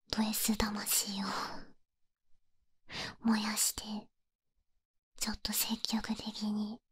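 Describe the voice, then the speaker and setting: A woman's voice: fairly high pitch, breathy edge, no room sound, exaggerated voice. A woman in a whispered role-play, voicing a clumsy girlfriend who boasts in a hesitant, bashful, earnest way.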